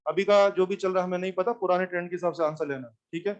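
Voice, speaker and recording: High-voiced physics teacher. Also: male voice, very fast, muffled recording. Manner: animated, repeats questions to students. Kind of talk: classroom lecture.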